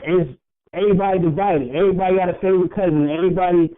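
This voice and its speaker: A young man with a high voice rambles through a casual podcast chat, swearing freely and breaking into laughs between thoughts. The audio is thin and tinny, like a phone line. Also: fairly even intonation, rapid-fire. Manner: rambling, profane, laughs often. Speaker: podcast co-host.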